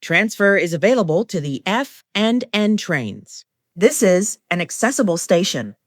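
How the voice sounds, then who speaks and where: The dry recording, with hardly any room echo, features a woman reading scripted transit announcements. Her fairly low voice shifts pitch in a lively way as she delivers measured, formulaic set phrases as an automated train announcer.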